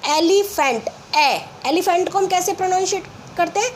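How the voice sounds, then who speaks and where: A woman teacher with an Indian English accent and a high voice. She explains patiently, repeats sounds one by one, and draws out her example sentences. A faint hiss sits under the recording. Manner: reads example sentences slowly and drawn out. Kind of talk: grammar lesson for school children.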